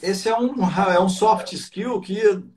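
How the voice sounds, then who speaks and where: A man's voice: high voice, takes it slowly, darkish tone. A Brazilian man, a business coach guesting on a live online talk, explaining points with frequent tag questions.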